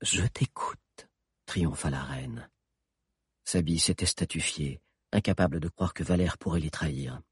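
A man with a husky voice narrating an audiobook in an expressive storytelling manner. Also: a bass voice, moderate pace, dry recording, studio quality.

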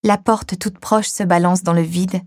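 A woman reading a first-person novel aloud in a calm, measured way. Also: fairly low pitch, no echo, studio quality. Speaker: audiobook reader. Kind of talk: scripted first-person narration.

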